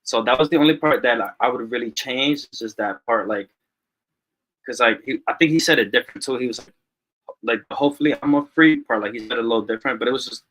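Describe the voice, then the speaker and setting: Dude reviewing a song on a stream call, bright voice, super casual, lots of you know what im saying. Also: male voice, medium pitch, quick pace, rough recording. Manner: loose and chatty, leans on "you know what I'm saying". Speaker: music reviewer. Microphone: online call.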